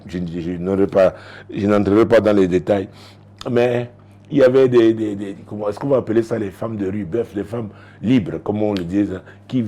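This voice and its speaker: A male pastor giving marriage advice in a lively talk show, telling stories with frequent laughter and sudden excited rises in his voice. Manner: animated, joking, laughs often, rises sharply in pitch when excited.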